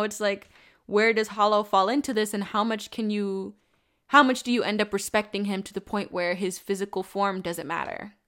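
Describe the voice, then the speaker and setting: A young woman casually reviewing a show in an animated, rambling way, swearing now and then and mocking characters in put-on voices. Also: mid-range voice, clear, resonant tone.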